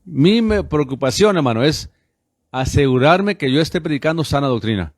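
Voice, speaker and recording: A U.S. radio preacher in his fifties keeps calling his audience brothers as he preaches with fervent insistence. He speaks at a normal speed with lively intonation and a fairly high voice, captured clean in the studio with no room sound.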